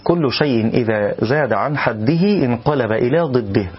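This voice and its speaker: Man teaching with slow chanted examples. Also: medium pitch, breathy edge, dull audio. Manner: measured explaining, breaks into drawn-out chanting. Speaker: recitation teacher. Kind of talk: spoken lesson with slow chanted demonstrations.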